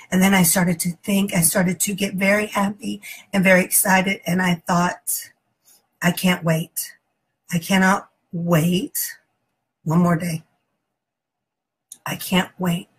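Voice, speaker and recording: A woman's voice: fairly low pitch, husky, low-quality recording. A woman teacher giving an earnest, emotional personal testimony, hesitant at times.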